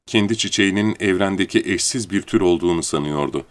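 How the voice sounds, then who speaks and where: Calm low-voiced male audiobook narrator. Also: fast talker. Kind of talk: scripted storybook narration.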